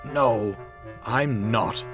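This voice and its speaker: A man's voice: lowish voice, lively intonation, measured pace, over music. A man voicing a proud, pompous male steam engine who talks in a haughty, posh, snappish way. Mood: contrite.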